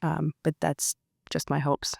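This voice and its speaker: A woman's voice: sits low, little pitch movement, a little slow, gravelly, darkish tone, no echo, studio quality. A woman in her thirties from Russia, a journalist answering interview questions in a thoughtful, hesitant way with many fillers. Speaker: journalist guest.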